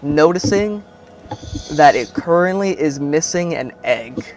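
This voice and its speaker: A man's voice: on the high side, expressive, background noise. A man running a tabletop game, narrating scenes with some fillers. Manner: unhurried descriptive narration with fillers. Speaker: game master.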